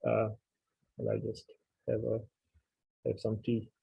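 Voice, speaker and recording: A man's voice: fairly low pitch, monotone, slow, gravelly, warm tone, husky. A middle-aged man from Fiji, a university lecturer, opening an online programming class with many fillers and restarts. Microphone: video call. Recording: dull lo-fi video call audio.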